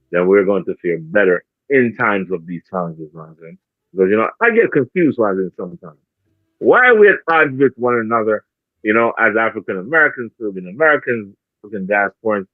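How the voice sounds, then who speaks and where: A man with a very deep voice hosts a community radio show, pressing his points with "not true?" questions. His voice comes through a dry, narrow, phone-like line. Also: no echo. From Jamaica. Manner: warm, rhetorical, repeats tag questions. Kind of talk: casual radio talk.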